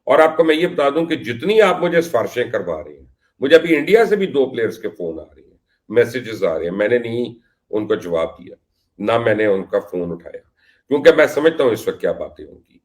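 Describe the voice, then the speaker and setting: A man's voice: mid-range voice, big pitch swings. A man from Pakistan hosting an investigative cricket commentary vlog, speaking emphatically and in a confrontational, accusatory way.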